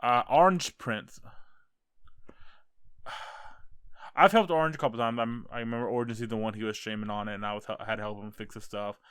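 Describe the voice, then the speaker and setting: Easygoing young American man, clear dry voice. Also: on the low side, steady tone, a little fast, long pauses, fairly bright tone, no room sound. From United States. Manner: rambling, self-correcting, jokey. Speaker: YouTuber ranking fellow creators. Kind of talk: casual tier-list commentary.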